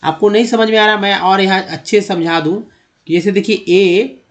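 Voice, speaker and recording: High-voiced man teaching English reading. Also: fairly even intonation, normal speed. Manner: explains step by step, repeating words and asking questions. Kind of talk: spoken lesson on reading.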